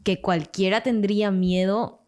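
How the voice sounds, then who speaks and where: A woman's voice: mid-range voice, steady tone, unhurried, darkish tone. A woman hosting a podcast, casually asking the guest a follow-up question. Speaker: podcast host. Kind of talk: podcast conversation.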